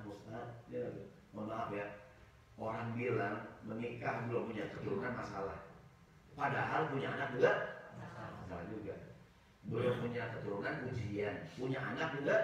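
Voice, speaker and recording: A man's voice: fairly low pitch, a bit bright, slight background noise. A man giving a casual, humorous sermon as a religious teacher, acting out the complaints of his listeners in raised voices and joking with the audience. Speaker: ustaz giving a study circle talk. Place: mosque hall. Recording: echoey mosque hall from far off.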